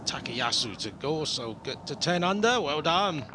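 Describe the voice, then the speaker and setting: A man's voice: fairly high pitch, very animated, normal speed. A man giving golf commentary as a commentator. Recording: clear outdoor background noise.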